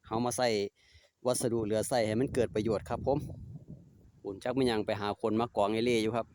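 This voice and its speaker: A man's voice: lowish voice, fairly even intonation, quick pace, darkish tone, slight background noise. A man with an Isan accent, chatting casually and politely while doing DIY work in his yard. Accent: Isan (Northeastern Thai). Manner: easygoing, chatty, polite particles, talks to his dogs. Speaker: DIY vlogger. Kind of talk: casual narration while working outdoors. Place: outdoor home yard.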